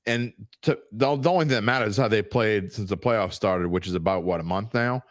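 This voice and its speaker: A man's voice: fairly low pitch, a little fast, no echo, clean studio sound. A man co-hosting a sports betting talk show, arguing his points bluntly and with emphasis. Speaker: sports betting podcast co-host. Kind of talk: casual sports betting debate.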